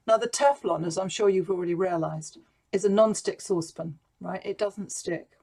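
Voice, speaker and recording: Gentle woman leading mindfulness. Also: medium pitch. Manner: gentle, encouraging, talks directly to participants by name. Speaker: mindfulness teacher. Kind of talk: guided mindfulness talk to online conference.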